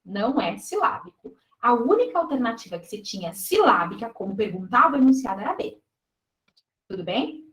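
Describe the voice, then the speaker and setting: A woman's voice: fairly high pitch, big pitch swings, fairly quick, fairly bright tone, echoey room, low-quality recording. A woman teaching an exam-prep lesson in Brazilian Portuguese. She explains step by step and keeps checking in with her students. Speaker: teacher reviewing exam questions.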